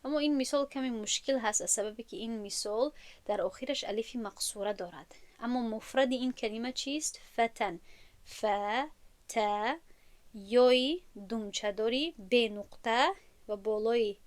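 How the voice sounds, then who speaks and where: A woman teacher gives a grammar lesson, explaining patiently step by step and repeating key terms. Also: on the high side.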